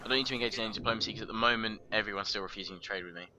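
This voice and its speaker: A man's voice: lowish voice, very fast, a crowd in the background. A man casually narrating his strategy game campaign, rambling, joking at himself and stumbling over foreign names. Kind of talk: casual let's play commentary. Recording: game music behind the voice.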